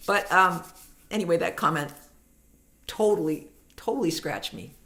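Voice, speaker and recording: A woman's voice: on the low side, lively intonation, moderate pace, fairly bright tone. A woman hosting a casual online music show, chatting with viewers, reading their comments aloud and telling rambling stories between songs.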